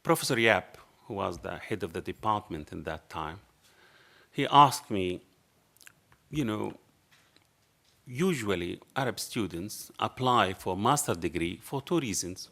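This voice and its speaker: His voice is gravelly, low-leaning and a bit bright, animated but unhurried. He's a middle-aged man with a strong Arabic accent on a panel in a dark lecture hall, passionately sharing an anecdote in which he plays both sides of a conversation, phrased as a non-native speaker. A table microphone records him.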